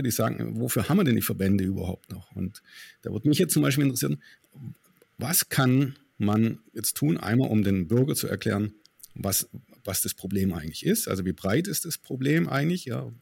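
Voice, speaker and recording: A man's voice: on the low side, animated, fairly quick, vocal fry, darkish tone, breathy edge, no room sound. A man hosting a podcast interview, asking long, searching questions.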